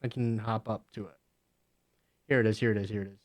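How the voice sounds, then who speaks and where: A man's voice: lowish voice, steady tone, fast talker. A man streaming live, casually reacting and thinking aloud about what he watches.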